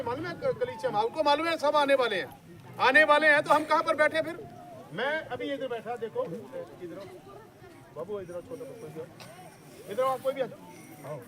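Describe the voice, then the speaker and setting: A high-pitched male preacher delivers an open-air sermon by a river. He exhorts his listeners and leads them in call-and-response. The murmur of a large crowd carries under his voice outdoors. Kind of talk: outdoor sermon at a church picnic.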